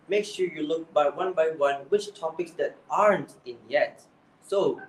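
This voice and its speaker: An earnest young coach of spoken English, Malaysian-accented, shares tips for the exam and keeps restarting what he says. The recording catches his high-leaning voice at a distance in an echoey room, with some slight background noise.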